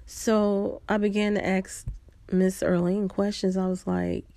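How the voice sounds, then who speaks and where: A woman telling a personal story in a reflective, unhurried way, pausing often. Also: mid-range voice, flat delivery, mellow, dry recording.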